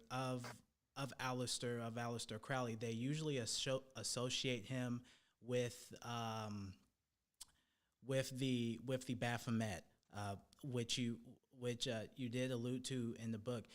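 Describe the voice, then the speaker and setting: A man hosting a podcast who asks long questions with many pauses, fillers and restarts. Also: mid-range voice. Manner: hesitant, lots of fillers and restarts. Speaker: podcast host. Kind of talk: casual interview questions.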